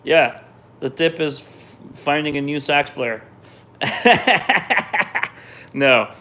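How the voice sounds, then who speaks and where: This middle-aged musician from Israel, whose first language is Russian, answers viewer questions he reads aloud in a loose, conversational manner, tending to trail off and restart. His voice is on the high side, and he draws his words out.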